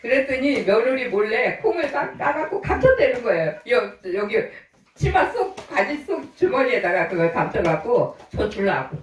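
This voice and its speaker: A woman's voice: a little high, normal speed, echoey room, distant mic, a little hiss or hum, poor audio. A woman pastor telling stories in her sermon, acting out the people she quotes and laughing often. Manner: lively storytelling, acts out quoted voices, laughs often. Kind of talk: storytelling sermon. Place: church hall.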